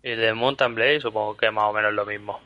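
A man's voice: lowish voice, steady tone, fast, dry recording, dull audio. A man co-hosting a podcast, chatting casually in a jokey way. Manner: jokey, laughs easily. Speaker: podcast co-host. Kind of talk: casual chat.

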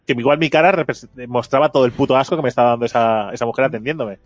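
A man's voice: medium pitch, racing, no echo. A man who hosts a stream, telling a story in casual chat, laughing often and acting out the quotes. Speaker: streamer and show host.

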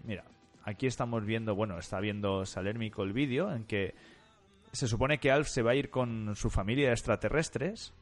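A man co-hosting a casual podcast, bantering in a teasing, jokey way with mock sales pitches. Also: moderate pace, faint music behind. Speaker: podcast co-host.

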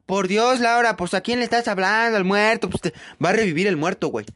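A man's voice: sits high, a little fast, fairly bright tone. A man with a Mexican Spanish accent in a profane, rambling, mocking comedic monologue.

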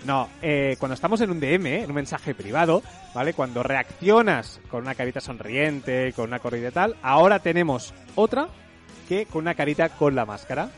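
A man's voice: medium pitch, lively intonation, brisk, over music. A man, co-hosting a podcast and explaining tech news in a loose, casual chat. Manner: explains news items at length, loose and chatty. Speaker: podcast co-host.

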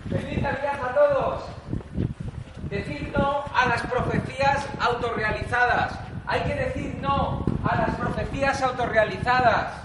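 Preachy high-voiced man in an echoey room. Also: steady tone, unhurried, distant mic, heavy background noise. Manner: preachy, exclamatory. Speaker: business coach. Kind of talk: comedy sketch.

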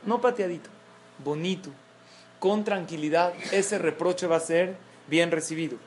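A woman's voice: fairly low pitch, measured pace, a little mellow, a little hiss or hum. A middle-aged woman giving a parenting talk to a group of mothers, explaining points and acting out example quotes. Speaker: parenting class speaker.

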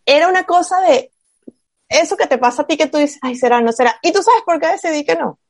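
A woman in casual podcast chat, animated and confiding, with quick asides. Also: extremely high pitch, no room sound, studio quality.

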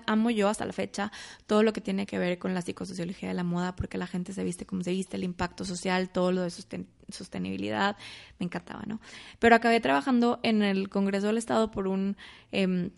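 A woman's voice: mid-range voice, fast, creaky. A young woman, telling her life story as a guest in a casual interview and acting out the voices of her family. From Mexico. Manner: lively storyteller, acts out quoted family voices.

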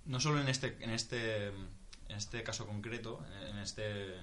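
Speaking slowly in a lowish voice with a fairly bright tone, a young man from Spain joins an informal group chat. He works through ideas out loud, with many restarts and curses whenever he's stuck.

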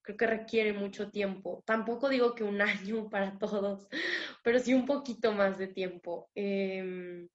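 A woman's voice: medium pitch, steady tone, unhurried, lo-fi sound. A young woman with a Mexican Spanish accent, speaking candidly as a guest in an interview and telling her personal story, sometimes acting out the dialogue. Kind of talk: personal testimony.

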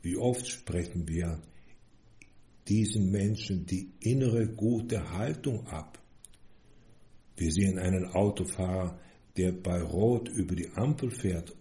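A man giving an earnest, measured sermon as a priest. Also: sits low, mellow. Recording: echoey room.

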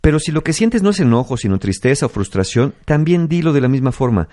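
Lively Mexican man explaining. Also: mid-range voice, fast talker, dry recording, studio quality. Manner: explanatory, acts out examples. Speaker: host. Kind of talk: relationship advice talk.

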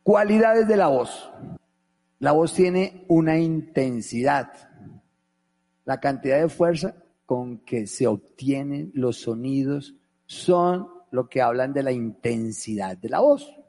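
A man lectures on how the voice works, deliberately swinging between loud and soft to demonstrate. His tone is dark and mellow with a husky edge. He keeps asking his listeners questions as he goes. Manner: shifts loudness and pitch to demonstrate; asks the audience questions. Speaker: voice coach. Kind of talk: lecture on voice technique.

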